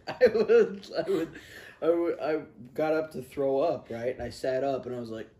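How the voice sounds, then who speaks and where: A man's voice: mid-range voice, measured pace. A young man co-hosting a casual comedy podcast, telling childhood stories and giggling as he talks. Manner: animated storyteller, giggles mid-sentence. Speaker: podcast co-host.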